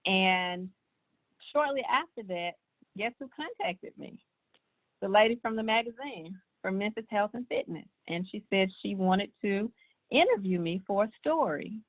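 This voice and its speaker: Woman telling her own story, earnest and casual, mid-pitched, tinny phone-like sound. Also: expressive, measured pace. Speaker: speaker sharing her personal health story. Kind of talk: personal testimony talk.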